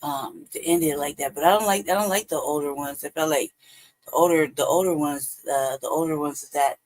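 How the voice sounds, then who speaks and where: A slightly fast, high-leaning male voice comes through poor audio with some hiss or hum. He is hosting a live stream and casually riffing on the videos he plays, drifting into a near whisper at points.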